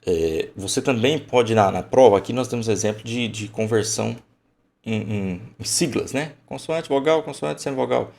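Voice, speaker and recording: A man's voice: mid-range voice, normal speed, gravelly, darkish tone. A man teaching an online lesson, emphatic and colloquial, thinking aloud as he explains.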